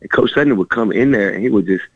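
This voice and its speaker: Deep, gravelly man rambling fast on radio. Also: no echo, highs cut off. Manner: rambling, animated, many restarts. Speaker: former college basketball player, guest. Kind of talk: storytelling in a radio interview.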